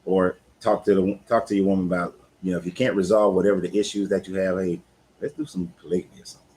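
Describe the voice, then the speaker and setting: A man in his fifties speaks fast in a low, steady, slightly mellow voice, on a rough recording with slight background noise. He's a life coach hosting a casual live-stream chat, candid and laid-back in a conversational way.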